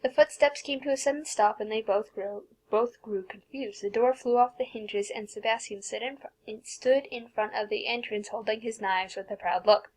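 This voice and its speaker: A young woman with a fairly high voice reads a fan fiction aloud in a casual, unpolished way. She trips over words and restarts lines, and now and then stops to drop a blunt, swearing aside. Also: moderate pace, few pauses, darkish tone, rough recording. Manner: stumbles and restarts, breaks off to comment and swear. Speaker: fanfic reader.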